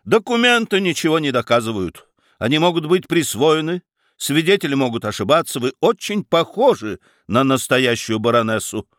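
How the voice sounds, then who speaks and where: A sly baron who argues with cheerful irony and cool logic, as a male narrator plays him. The voice stays close to the reader's own but moves with lively pitch. The recording is dry and close. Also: normal speed, no room sound. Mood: ironic. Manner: cheerful and ironic, calmly logical. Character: Baron Munchausen, sly, witty defendant. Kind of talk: dramatic reading of a story.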